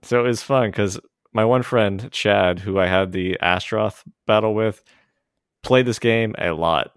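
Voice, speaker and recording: A man co-hosting a podcast, telling stories in a casual, animated and easygoing way. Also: lowish voice, a little slow, clear, resonant tone, no echo, studio quality. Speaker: podcast co-host. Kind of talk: casual chat.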